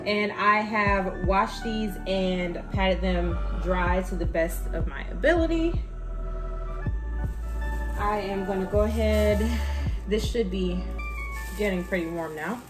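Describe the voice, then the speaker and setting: A cooking vlogger with a medium-pitched voice casually talks viewers through a recipe at her home gas stove, going step by step. She speaks slowly, pauses often, and uses fillers in a relaxed way. Background music and a sizzling pan accompany the poor-quality audio.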